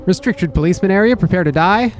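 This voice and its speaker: A man's voice: high voice, fast, close to an everyday voice. A man voicing an absurd, officious theatrical policeman while reading a video game aloud. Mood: officious, silly.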